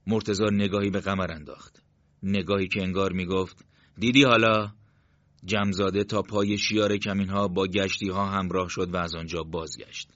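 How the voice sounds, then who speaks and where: A man reading a war novel aloud as an audiobook narrator, in a steady, measured literary style. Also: sits low, no room sound. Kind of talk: scripted narration. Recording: dull, lo-fi dry sound.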